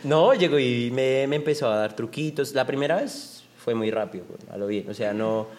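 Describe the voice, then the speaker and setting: A man's voice: mid-range voice, fairly quick, darkish tone. A young man with a Colombian accent, telling crude, joking stories in a casual chat full of slang.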